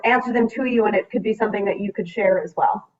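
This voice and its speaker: Talking fast in a mid-range, slightly mellow voice, an American woman lawmaker makes heartfelt, emphatic panel remarks from personal conviction. She joins via a remote video meeting, and the call audio is distant and muffled.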